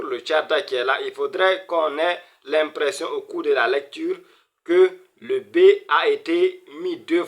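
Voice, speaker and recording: A man's voice: a little high, pushed and bright. A man teaching a beginner Arabic reading lesson, sounding out words syllable by syllable and repeating them. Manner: greets viewers as brothers and sisters.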